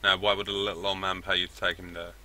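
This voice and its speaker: A man's voice: deep voice, flat delivery, quick pace, bright, forceful tone. A man hosting a game playthrough, reading the story aloud with rambling, self-correcting asides. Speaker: let's play host.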